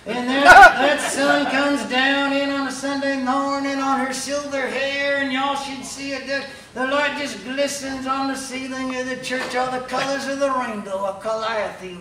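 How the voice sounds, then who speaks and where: A man's voice: very high-pitched, flat delivery, normal speed, hardly any pauses, a crowd in the background. A man voicing a folksy, chatty hillbilly puppet with a Kentucky accent, rambling through drawled tall tales in a comic ventriloquist act. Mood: gossipy, folksy. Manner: drawling country idioms, rambling. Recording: echoey room, distant mic, faint noise.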